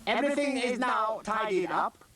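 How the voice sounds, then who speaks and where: An actor playing a stiff, bossy male household robot in a children's puppet show, speaking in a jerky, mechanical robot voice that is flat, clipped and commanding. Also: high-pitched, normal speed.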